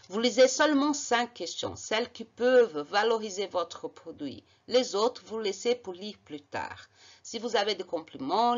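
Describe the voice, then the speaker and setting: A woman narrates her slides as a marketing coach, urging listeners on in an emphatic, encouraging way. She often restarts and corrects her phrasing mid-sentence. Her voice sits at a middle pitch, and the recording sounds a little dull and lo-fi. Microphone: voice-over on slides.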